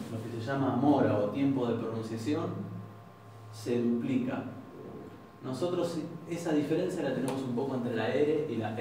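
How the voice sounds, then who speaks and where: A man with an Argentine Spanish accent teaching an informal language class, explaining patiently and repeating example words slowly. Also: medium pitch, warm tone. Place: university classroom. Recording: very echoey classroom, far from mic, faint noise.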